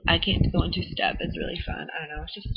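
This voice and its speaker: Young adult vlogger, Minnesotan accent, gushing and rambling, mid-pitched, muffled built-in webcam sound. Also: fairly even intonation, quick pace, creaky, slightly rough. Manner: enthusiastic, rambling, many "um"s and "like"s. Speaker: vlogger reviewing music albums. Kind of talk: casual rambling chat. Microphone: built-in laptop webcam. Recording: dull lo-fi webcam audio.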